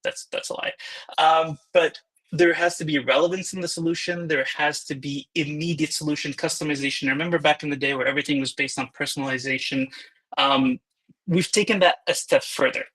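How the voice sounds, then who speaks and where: A man presenting in an online session with a bright, forceful tone. His voice is husky and a touch high. He talks in an opinionated, conversational way. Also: steady tone, brisk, poor audio. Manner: opinionated, conversational, many restarts and ums. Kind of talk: casual webinar presentation.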